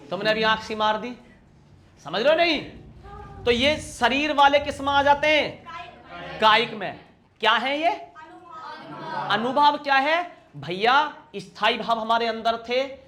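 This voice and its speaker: Young male tutor, high and bright, teasing exam-prep style, acts out examples. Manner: lively, teasing, asks students questions and answers himself; acts out little everyday scenes in quick shifts of voice. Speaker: teacher. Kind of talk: exam-prep grammar lesson.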